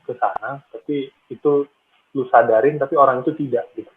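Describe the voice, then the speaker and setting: A man's voice: medium pitch, fairly even intonation, fairly quick. A young man co-hosting a podcast who asks questions with many repeats and restarts. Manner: repetitive, stumbling questions. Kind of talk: casual podcast chat. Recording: phone-like line with faint noise.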